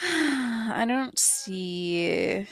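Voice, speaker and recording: A woman's voice: on the high side, lively intonation, very slow, breathy edge, no room sound. Chatty young woman on a video call. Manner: chatty, laughs often, trails off mid-sentence. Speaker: host of reading sprints. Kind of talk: casual chat.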